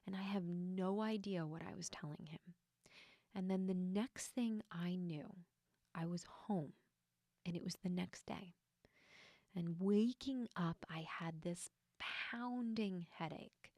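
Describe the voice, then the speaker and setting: A young adult woman, a podcast host and healer, tells a personal story in a soft, reflective, hesitant way, with frequent fillers. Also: fairly low pitch, takes it slowly, no echo.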